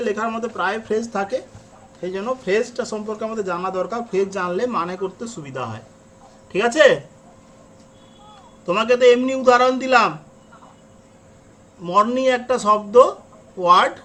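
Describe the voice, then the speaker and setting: A man's voice: high-pitched, fairly bright tone, low-quality recording. A man teaching an English grammar lesson in a classroom style. He asks questions and answers them himself, and he repeats his examples patiently.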